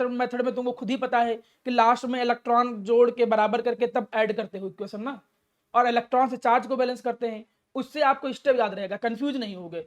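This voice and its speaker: In a classroom lecture, a woman whose voice is on the high side explains chemistry step by step. She asks her own questions, answers them, and speaks to the student affectionately.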